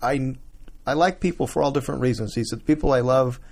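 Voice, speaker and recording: A man's voice: mid-range voice, a little fast, gravelly, a little mellow. A man hosting a radio interview show, chatting casually and agreeing briefly with his guest.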